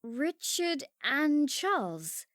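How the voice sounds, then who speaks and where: An actress playing an excitable young quest teammate with an informal, questioning manner in a game drama. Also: female voice, high voice, drawn-out words, exaggerated voice. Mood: curious.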